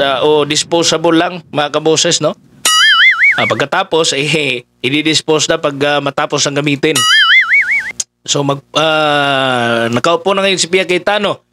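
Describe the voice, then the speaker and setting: A man's voice: fairly high pitch, a little slow, over loud music. A man giving casual political commentary, talking conversationally with many fillers as he addresses his listeners.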